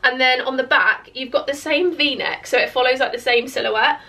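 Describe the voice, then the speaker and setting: A woman's voice: sits high, moderate pace, vocal fry, bright, forceful tone, far from the mic. A young woman chatting casually through a clothing try-on haul, gushing and repeating words for emphasis. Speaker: fashion vlogger.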